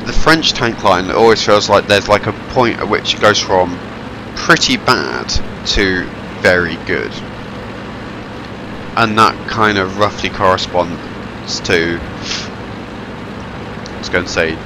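Taking it slowly and pausing often, a young man whose voice sits low offers casual, rambling commentary on a tank game while stuffed up with a cold. He's wry and self-deprecating, with background noise plus gunfire and engine sounds from the game.

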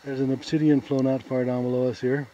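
A man's voice: medium pitch, flat delivery, fast talker, warm tone. Easygoing man narrating a hike outdoors. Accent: American. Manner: easygoing, plain, pointing out sights. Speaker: hiker filming a trail video. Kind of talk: casual trail narration. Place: outdoors on a forest trail. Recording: dull lo-fi camera audio.

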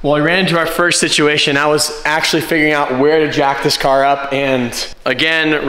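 A man in his twenties with an American accent, chatting casually to camera in a raspy voice, hoarse from a lingering cold. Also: medium pitch, bright, forceful tone. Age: 20s. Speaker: car vlogger. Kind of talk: casual vlog chat to camera. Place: outdoors, in a car and in a large garage workshop. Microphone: handheld camera at arm's length. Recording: noisy vlog audio with car ambience.

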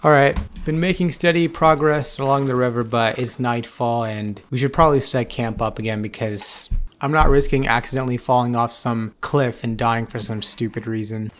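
Excitable man narrating his gameplay. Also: medium pitch, normal speed. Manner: excitable, talks to game characters while playing. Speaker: gaming video creator. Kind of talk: casual gameplay commentary.

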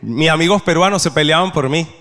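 A young man with a Venezuelan accent tells his stand-up stories with a dry, deadpan touch, his voice sitting high and sounding bright and sharp. The room behind him rings with a long hall reverb. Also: fast. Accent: Venezuelan Spanish. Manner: deadpan storytelling, acts out quoted voices. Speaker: stand-up comedian. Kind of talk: stand-up comedy set.

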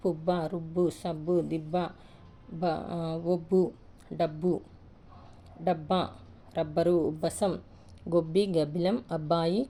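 A woman teacher slowly reading a word list aloud, one word at a time, and explaining how each should be read. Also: fairly low pitch, gravelly, mellow. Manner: slow, deliberate, reads each word separately with pauses.

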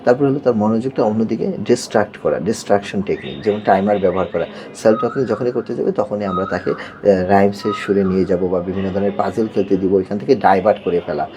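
A man's voice: on the low side, fast talker, mellow, muffled recording. A man, an occupational therapist patiently explaining techniques to parents and checking they follow. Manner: patient, repeats "yes" and checks "okay?".

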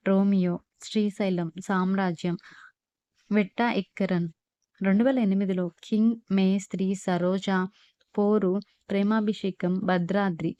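A woman narrating a scripted biography, reading facts and long lists at a steady, even pace. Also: mid-range voice, no echo, lo-fi sound.

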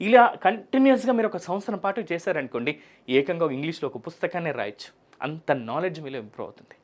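A man's voice: a little high, lively intonation, rapid-fire. A man with a Telugu accent teaching spoken English, asking and answering his own questions and repeating each point. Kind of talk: explaining a lesson to students.

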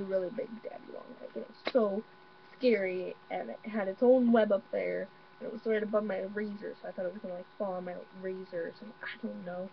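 A woman's voice: medium pitch, vocal fry. Rambling young woman on a dull webcam. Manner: excitable, rambling, many fillers. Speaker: vlogger. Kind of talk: casual vlog. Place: bedroom at home. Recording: dull lo-fi webcam audio with faint mains hum.

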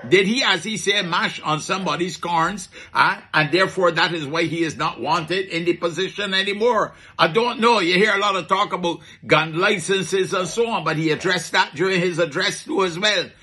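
A man's voice: high-pitched, normal speed, hardly any pauses, pushed and bright, husky. A middle-aged man with a Barbadian accent giving chatty comic commentary in a market vendor persona, full of rhetorical questions and dialect asides.

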